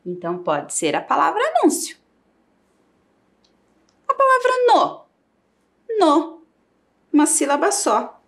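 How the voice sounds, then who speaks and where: A woman with a Brazilian Portuguese accent teaching a televised primary school lesson, sounding out syllables for children. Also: high voice. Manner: slow, lively, sings out syllables for children.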